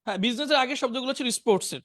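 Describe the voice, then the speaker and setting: A man with a Bengali accent teaches an online spoken English class, slowly reading out English words and example sentences and giving each meaning. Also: extremely high pitch, fairly bright tone, no echo, studio quality. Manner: reads word lists slowly, pairing each English word with its meaning.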